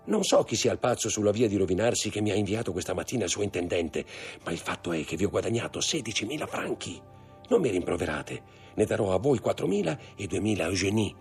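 A man voicing a scheming, greedy middle-aged banker who talks in a smooth, ingratiating way for an audiobook. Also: fairly low pitch, expressive, quick pace, soft background music. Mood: hushed. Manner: smooth, ingratiating, hushed when confiding. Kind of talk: audiobook character voice.

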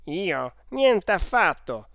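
A reader doing an irate shouting salesman. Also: mid-range voice, big pitch swings, very slow, gravelly, no echo, clean studio sound, heavily acted. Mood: alarmed. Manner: shouting, exasperated outbursts. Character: irritable middle-aged male traveling salesman. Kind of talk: audiobook character voice.

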